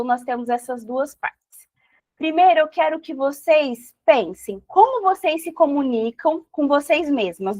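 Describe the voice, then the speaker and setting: A woman's voice: sits high, fairly bright tone, dry recording. A woman mentor teaching a live online class, encouraging and asking her listeners reflective questions.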